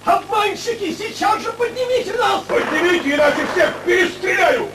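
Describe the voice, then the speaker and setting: A man voicing a trapped, threatening robber who shouts up from the bottom of a pit, his voice echoing from far below. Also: extremely high pitch, expressive, moderate pace. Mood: angry threats. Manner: threatening, yelling. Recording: echoey, distant, noisy soundtrack.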